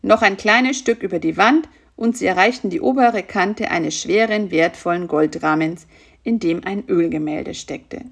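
Calm woman reading a children's story. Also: lowish voice, gravelly, husky. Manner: calm, slow, soft narration.

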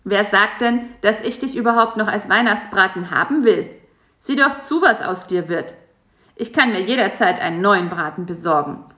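A woman's voice: mid-range voice, expressive, moderate pace, sharp tone. A grumpy homebody spider, grumbling and snapping at his pesky guest, as a woman acts him out. The voice sits somewhat raised and firm. It sounds echoey, like a reading in a bare room. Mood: snappy. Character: grumpy lazy male spider, stay-at-home. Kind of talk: storybook voice acting.

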